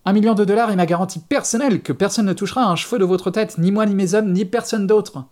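A man's voice: fairly high pitch, lively intonation, normal speed, a little mellow, close to an everyday voice. A man voicing a wealthy gangster trapped underground who panics, stammers and screams for mercy. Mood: alarmed.

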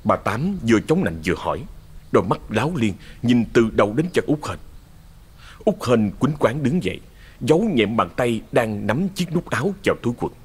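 A man narrating a ghost story in an expressive storytelling manner. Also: medium pitch, moderate pace, breathy edge.

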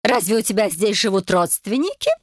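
A woman's voice: medium pitch, lively intonation, brisk, no room sound, studio quality, voice pushed up, lightly acted. A woman voicing a strict, prim werewolf dormitory matron who scolds a student, in an audiobook. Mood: scolding. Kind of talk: audiobook character voice.

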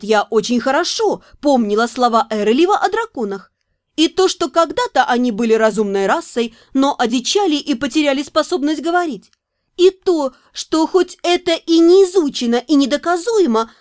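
A woman narrates a story in the first person with a high, bright-toned voice that swings widely in pitch. She reads expressively, close to the mic in a dry, dead room. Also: no room sound. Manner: expressive, acts out the heroine's lines. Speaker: audiobook narrator.

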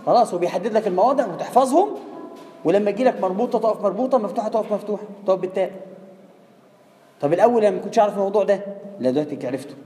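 Quick Egyptian teacher in echoey hall. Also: male voice, sits high, animated, warm tone. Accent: Egyptian Arabic. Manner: quick, conversational, asks students questions. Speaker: Quran recitation teacher. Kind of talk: classroom lesson on tajweed. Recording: echoey hall, faint room ambience.

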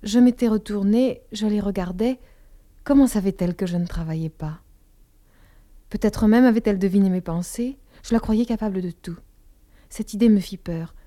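A woman narrating a novel in an audiobook, measured and intimate, sometimes dropping to a whisper. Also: mid-range voice, mellow. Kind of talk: scripted narration.

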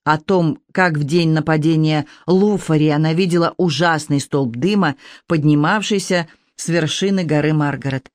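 A reader narrating an audiobook in a steady, measured way. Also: medium pitch, dry recording, studio quality.

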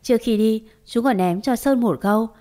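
A woman's voice: fairly high pitch, moderate pace, warm tone. A woman storyteller reading a scripted family drama with emotive narration.

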